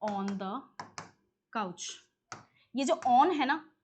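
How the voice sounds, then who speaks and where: A woman gives an exam-prep English lesson, her voice a little higher than most. She explains things patiently, one step at a time, and keeps checking that her students follow. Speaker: English teacher.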